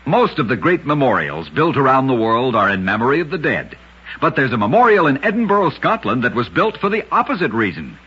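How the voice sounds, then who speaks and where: With an American accent and a dramatic storyteller's flair, a male radio host narrates short true oddities from a script in vintage radio style. His medium-pitched voice is very animated, brisk, and bright, with a forceful, slightly rough tone. The recording has a dull, lo-fi vintage radio quality.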